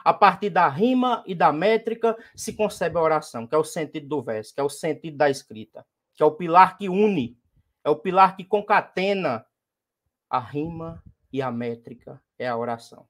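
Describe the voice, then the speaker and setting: A man's voice: a little high, expressive, moderate pace. A man with a Northeastern Brazilian accent, a poet teaching a workshop on verse meter and now and then declaiming verses with emphasis. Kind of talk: lecture on poetic meter.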